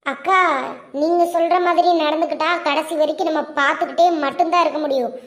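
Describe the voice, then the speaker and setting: A woman's voice: high voice, steady tone, fast talker, lightly acted. Woman voicing a hot-tempered young sister-in-law. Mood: indignant. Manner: sharp, indignant.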